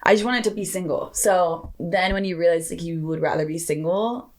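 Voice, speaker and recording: A woman's voice: lowish voice, moderate pace. A young woman hosting a podcast, chatting casually and rambling with lots of laughter and "like". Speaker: podcast host. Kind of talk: casual chat.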